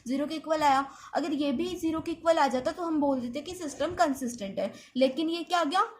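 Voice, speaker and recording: A woman's voice: high-pitched, a little fast, slight background noise. A woman teaching maths step by step in English, explaining patiently and checking in with her students. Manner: explains patiently, often checks in with "theek hai".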